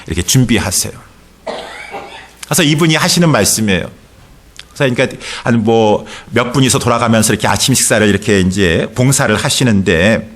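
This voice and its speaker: A man preaching a sermon as pastor, telling a story and rising in pitch to stress his points. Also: a bit bright.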